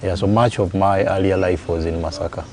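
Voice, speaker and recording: A man in his forties with a Ugandan English accent, an interview guest recalling his family and schooling in a measured way, pausing to correct himself. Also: deep voice, steady tone, a little mellow. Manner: measured, recalls details with pauses and self-corrections. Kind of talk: casual interview conversation. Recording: faint background noise.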